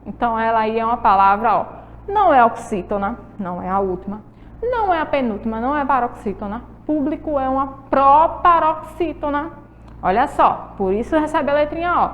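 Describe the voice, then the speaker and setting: High-voiced Brazilian teacher woman, reverberant. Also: lively intonation, lo-fi sound. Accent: Brazilian Portuguese. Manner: stretches words slowly to stress syllables; encouraging, asks the viewers questions. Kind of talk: televised classroom lesson for children.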